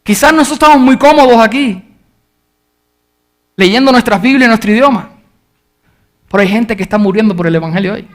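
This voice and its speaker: A high-pitched pastor preaches an earnest sermon at a brisk pace, pausing often. He reads scripture aloud and shouts the crowd's cries as he retells them.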